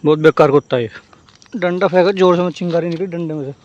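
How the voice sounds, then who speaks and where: Male family vlogger, high-pitched, chatty and playful on a phone camera. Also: quick pace, darkish tone, muffled recording. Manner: chatty, playful, talks to kids and viewers. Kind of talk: casual vlog narration. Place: home, indoors; later outdoors on a walk.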